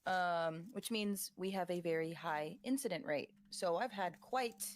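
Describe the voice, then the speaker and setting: A young woman guest on a casual voice chat, bubbly and quick, with casual swearing while she tells stories from work. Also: lowish voice, a little hiss or hum. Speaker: guest streamer.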